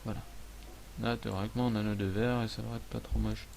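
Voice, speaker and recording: A man hosting a casual software tutorial, thinking aloud as he works, with frequent hesitations and friendly, self-mocking asides. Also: lowish voice, level tone, fast, gravelly, slight background noise. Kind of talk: casual screen-recorded tutorial.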